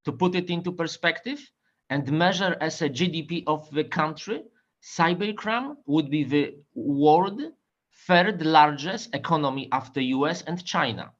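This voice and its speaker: A man who is a bank security officer, speaking on a conference panel in a measured way with occasional restarts. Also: a little high, a bit bright, lo-fi sound. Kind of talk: panel talk. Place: conference stage.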